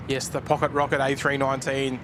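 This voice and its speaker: A man's voice: mid-range voice, level tone, fairly quick. A man giving casual live commentary as a livestream host outdoors. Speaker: plane spotting livestream host. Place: outdoors at an airport. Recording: outdoor ambient noise behind voice.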